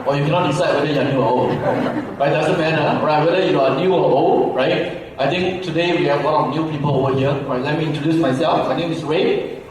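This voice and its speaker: A man's voice: fairly high pitch, steady tone, fast, a little hiss or hum. A man in his forties, from Malaysia, giving a conversational seminar talk to an audience. He asks the crowd questions and keeps adding "right?". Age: 40s. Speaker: business speaker. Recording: echoey hall from far off.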